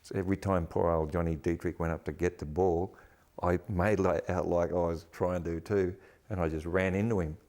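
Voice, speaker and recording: A man's voice: low-pitched, steady tone, normal speed, a little mellow. An older man with a broad Australian accent, reminiscing casually and bluntly in an interview, with salty colloquial turns of phrase. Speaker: actor interviewee.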